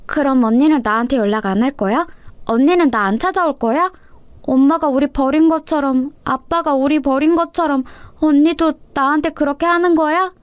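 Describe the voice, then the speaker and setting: A woman's voice: moderate pace, no echo, natural voice. A woman voicing a clingy little orphan girl who begs her big sister not to leave her. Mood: pleading. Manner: pleading, high childlike whine.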